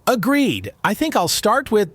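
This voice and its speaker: A man's voice: high voice, wildly swooping pitch, a little slow, fairly bright tone, husky, dry recording, full character voice. A man playing an earnest, anxious young male bird in an audio story, flustered and wordy in manner. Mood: reflective, earnest. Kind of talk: scripted audio story acting.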